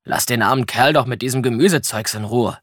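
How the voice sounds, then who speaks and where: A man voicing a gruff, blustering old ghost grandfather in an audiobook, talking in a booming way. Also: a little fast, a bit bright, no echo, studio quality, close to an everyday voice.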